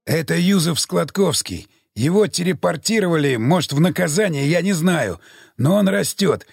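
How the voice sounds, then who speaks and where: A man reading aloud voices an earnest brother who presses his case without a pause. His delivery is animated and rises and falls a lot. The recording is dry and close. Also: on the high side, vocal fry, breathy edge, no echo, exaggerated voice. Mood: urgent. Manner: earnest, insistent. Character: urgent man pleading with his sister.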